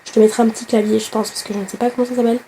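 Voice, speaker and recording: A woman with a hoarse voice from a flu, chatting straight to the viewer in a casual game tutorial, with hesitant fillers. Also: on the high side, flat delivery, rapid-fire, dark tone, a little hiss or hum. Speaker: gaming tutorial host.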